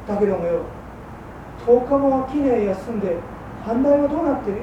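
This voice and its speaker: A woman voicing a rough, hard-drinking male fishmonger who speaks in clipped old Edo Tokyo working-class slang. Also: a little high, expressive, moderate pace, mellow, dull audio, natural voice. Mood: resolved. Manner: gruff, clipped, rough-spoken. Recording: roomy hall from far off, faint hum.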